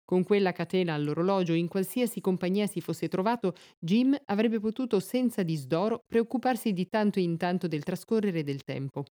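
A woman narrating a story aloud in a measured, expressive audiobook reading. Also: on the low side.

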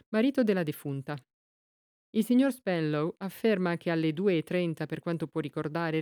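A woman's voice: fairly low pitch, mellow, smooth, no room sound, clean studio sound, lightly acted. A woman voicing an officious male village policeman in an audiobook, speaking in a formal, official tone.

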